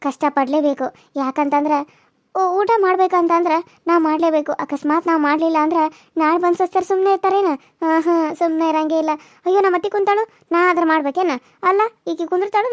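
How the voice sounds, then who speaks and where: A caring older village woman from a cartoon serial, put on by a woman. Her voice is high but a little lower than the girl she comforts, and she speaks on a dry, close mic. She consoles and lectures in a firm, steady way. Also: no room sound, natural voice.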